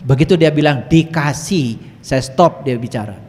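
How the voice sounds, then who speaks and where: A man telling healing stories as a spiritual teacher in a motivational talk, swinging between loud emphatic peaks and quiet low asides. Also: moderate pace. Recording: long hall reverb.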